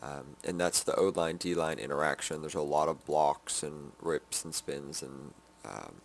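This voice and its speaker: A sleepy man giving a casual game development update, halting with many ums and restarts. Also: extremely low pitch, gravelly, a little hiss or hum. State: sleepy, yawning.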